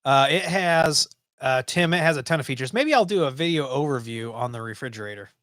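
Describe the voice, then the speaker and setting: A man in his forties hosts a casual live stream from a small home office, reading viewer comments and chatting with many ums and restarts. His mid-range voice is expressive, a bit bright, and a little fast. The recording is dry and studio quality.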